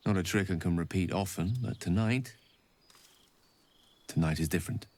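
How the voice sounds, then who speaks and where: This is game voice acting: a man with a low voice, speaking at normal speed and only lightly acted, portrays a learned, eloquent male wizard. He delivers formal, tender, articulate lines over soft background music in the game audio.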